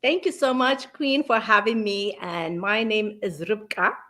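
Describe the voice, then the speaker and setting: A woman, telling her story at a measured pace as an interview guest. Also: medium pitch, fairly bright tone. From Ethiopia. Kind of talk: interview conversation.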